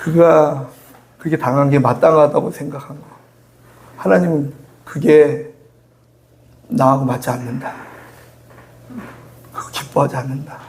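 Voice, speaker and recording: Man, pastor, middle-aged, sermon in a church, gravelly voice, fairly high pitch, lively storytelling. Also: measured pace, pauses often. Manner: animated storytelling, acts out dialogue, laughs often. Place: church sanctuary.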